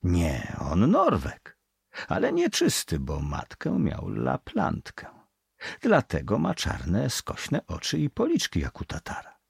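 A wary ship's bosun, voiced by a male audiobook reader speaks in a hushed, secretive way. His voice is deep and grainy with a husky edge. It is recorded close and dry. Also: huge pitch swings, takes it slowly, no echo, full character voice. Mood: guarded. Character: evasive, superstitious middle-aged male ship's bosun.

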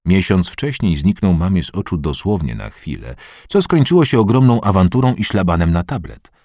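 Deep-voiced, expressive male narrator. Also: no room sound, studio quality. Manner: measured, expressive reading. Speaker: audiobook narrator. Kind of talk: scripted narration.

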